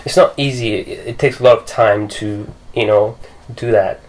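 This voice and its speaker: Young man, podcast host, lowish voice, attentive questions, living room. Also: fairly even intonation, normal speed, poor audio. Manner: attentive, frequent "mm" backchannels. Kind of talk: interview questions. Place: living room with leather sofas.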